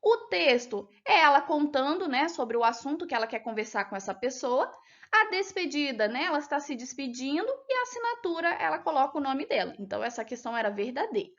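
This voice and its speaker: A woman's voice: sits high, sing-song, a little fast, fairly bright tone, highs cut off. A woman teacher with a Brazilian Portuguese accent patiently goes over a test with young pupils step by step, often checking that they follow. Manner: patient, explains step by step, asks checking questions. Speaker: primary school teacher. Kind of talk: recorded lesson going over a test.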